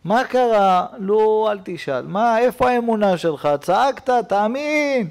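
Guy rabbi preaching in a synagogue, high-ish voice, goes loud then hushed. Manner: animated storytelling preacher, swings between loud and hushed. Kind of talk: sermon.

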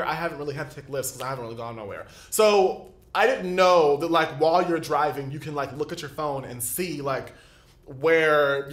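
Young guy ranting a storytime, highish voice, echoey room. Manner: animated, exasperated storytelling. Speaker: vlogger. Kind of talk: storytime vlog.

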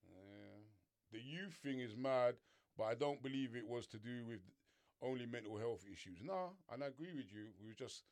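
A man's voice: lively intonation, moderate pace, no echo, clean studio sound. A young man, co-hosting a casual chat and teasing his co-host in a laid-back way. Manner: laid-back, teasing, drops to low mutters. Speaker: podcast co-host.

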